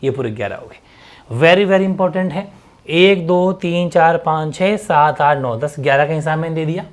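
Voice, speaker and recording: Man teaching, drawing out sounds. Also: a little high. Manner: stretches sounds slowly to demonstrate, repeats terms. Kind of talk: exam-prep lesson.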